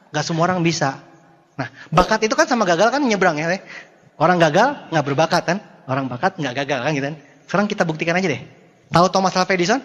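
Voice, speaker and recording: Animated man speaking in a reverberant hall. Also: dull audio. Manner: animated, jokey, swings between loud bursts and low murmurs. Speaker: motivational speaker. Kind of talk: motivational seminar talk.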